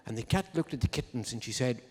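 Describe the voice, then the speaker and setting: A man's voice: medium pitch, expressive, quick pace, a little mellow, husky. A man, hosting a live music show and telling a comic story to the audience with droll timing. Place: live concert hall. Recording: long hall reverb from a live venue.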